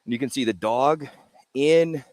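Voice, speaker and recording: A man's voice: mid-range voice, a little slow, darkish tone, no room sound. A man, a brewery co-founder, chatting casually as an interview guest and explaining his beers. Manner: explains while showing cans, loose and chatty. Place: brewery in a Japanese spa town.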